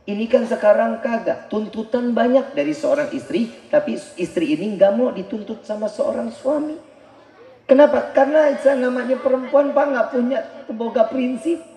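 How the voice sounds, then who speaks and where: A man giving a humorous sermon, firing rhetorical questions at the crowd and now and then breaking into shouts for emphasis. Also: very high voice, normal speed. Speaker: preacher. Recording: echoey live venue.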